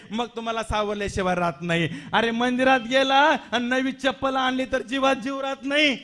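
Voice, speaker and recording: A man's voice: very high voice, bright, forceful tone. A man preaching a devotional kirtan sermon with a Marathi accent, dramatic and full of rhetorical questions and repetitions.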